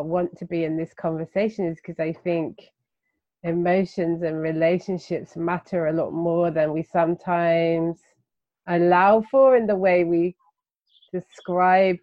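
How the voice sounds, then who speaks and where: A woman's voice: fairly low pitch, no room sound, lo-fi sound. A woman facilitating a reflective conversation, phrasing her thoughts tentatively and thoughtfully.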